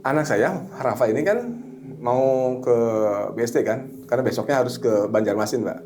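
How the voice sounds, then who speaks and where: A middle-aged man who works as a hypnotherapist, chatting casually and telling animated stories, sometimes slipping into a slow, soothing suggestion voice. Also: mid-range voice, noisy background. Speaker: hypnotherapist guest. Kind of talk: casual chat.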